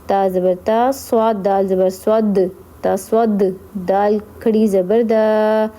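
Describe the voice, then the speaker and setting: A woman teaching Quran reading who spells out letters and vowel marks, then repeats each word slowly, humming doubled letters through the nose. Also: medium pitch, little pitch movement, dark tone. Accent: Urdu. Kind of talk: slow spelled-out recitation lesson.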